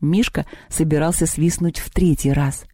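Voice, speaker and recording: A woman narrating a children's story with a lively, expressive reading. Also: low voice, normal speed, no room sound, studio quality.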